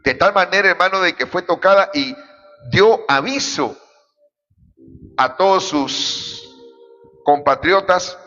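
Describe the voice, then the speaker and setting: A man's voice: sits high, expressive, slow pace, pauses often, bright, forceful tone, faint music behind. A man from Peru, a pastor preaching a fervent sermon and constantly calling out to the congregation. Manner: fervent, repeatedly addressing the congregation. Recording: dull echoey hall recording.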